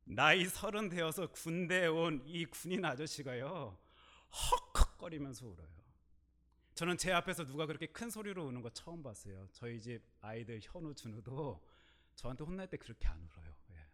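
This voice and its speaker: A middle-aged male pastor preaching a sermon, telling a personal story and swinging between quiet asides and loud, emphatic bursts. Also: on the high side, very animated, normal speed.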